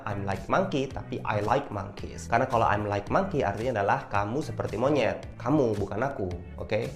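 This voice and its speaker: A man giving a casual English lesson, slowing down to say each example sentence clearly. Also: lowish voice. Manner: chatty, slows down to spell out example sentences. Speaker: English teacher. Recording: faint music underneath.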